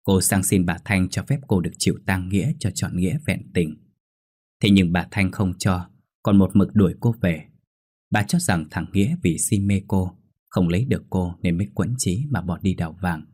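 A man narrating a scripted ghost story in a steady, somber way. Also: deep voice, normal speed, breathy edge. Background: faint music.

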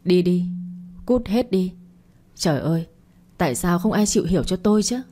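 A scheming older aunt, put on by a woman narrator shrieks and whimpers to get her way. The voice is husky and mellow. It belongs to a spoken audio story. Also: lowish voice, quick pace. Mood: shrieking. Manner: shrieking, fake-tearful.

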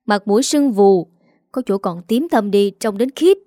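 A woman's voice: mid-range voice, animated, normal speed, mellow, dry recording, clean studio sound, close to an everyday voice. A woman voicing an aging village mother who is tearful and bitterly complaining. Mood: indignant.

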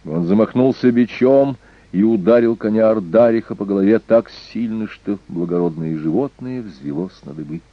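A man narrating an audiobook in a measured, expressive reading. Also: fairly low pitch, no room sound. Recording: dull lo-fi recording, dry.

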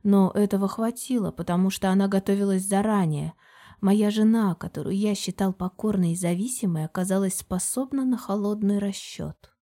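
A woman narrating an audiobook in first person with an even, measured reading. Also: medium pitch.

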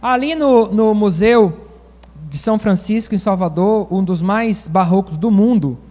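A man preaching with a high voice that carries into a long, ringing reverb. He tells folksy stories in an animated way and keeps turning to the congregation with asides. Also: a little slow. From Bahia, Brazil. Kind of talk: sermon.

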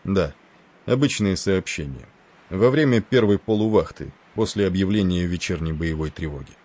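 A man voicing a gruff, pompous older male admiral. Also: low-pitched, expressive, normal speed, a little mellow.

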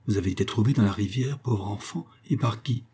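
A man's voice: on the low side, a little fast, breathy edge. A man voicing a weary, courteous prisoner. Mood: anxious. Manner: courteous, gentle questioning. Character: weary imprisoned gentleman, courteous and gentle.

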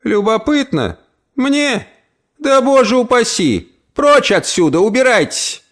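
A sharp-tongued old woman in a storybook, scolding in a high, shrill voice that leaps up and down. A man acts her out, pitching far above his own speaking voice. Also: very animated, a little slow, gravelly, full character voice.

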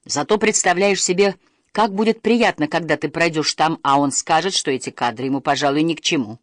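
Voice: mid-range voice, brisk, no room sound, clean studio sound, close to an everyday voice. A reader voicing a wry adult man who teases his friend with irony. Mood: ironic. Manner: ironic, mocking. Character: wry, teasing adult male companion.

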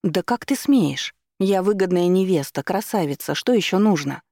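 A man voicing a spoiled, hysterical rich young woman who talks in a shrill, indignant way. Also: a little fast, mellow, no room sound, clean studio sound.

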